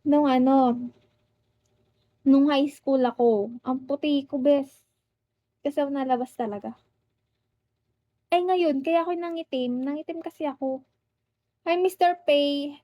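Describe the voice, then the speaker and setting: A woman's voice: high-pitched, a little slow, pauses often, dark tone. Chatty young Filipino woman streaming live. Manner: chatty, greets viewers by name. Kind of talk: casual live-stream chat.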